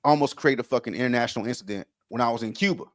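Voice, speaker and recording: A man's voice: medium pitch, racing. A man co-hosting a podcast, joking around and building bits with quoted lines. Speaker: podcast co-host. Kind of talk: casual chat.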